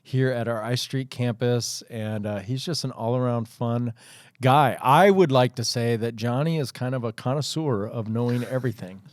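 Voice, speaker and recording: A man's voice: medium pitch, moderate pace, dry recording, studio quality. Upbeat, joking male podcast host. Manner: upbeat, joking, friendly questioner. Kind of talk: casual podcast interview.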